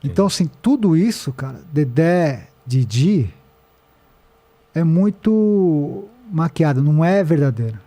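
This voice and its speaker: Brazilian male podcast guest, animated storyteller, slightly high, mellow voice. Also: unhurried. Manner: animated storytelling, quoting people in passing. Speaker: podcast guest, documentary director. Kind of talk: casual podcast conversation. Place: podcast studio.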